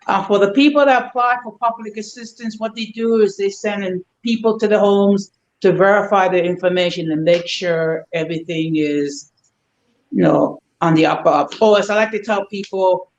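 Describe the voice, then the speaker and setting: Woman, wry lively storyteller, roomy echo, slightly muffled sound, casual chat. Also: medium pitch.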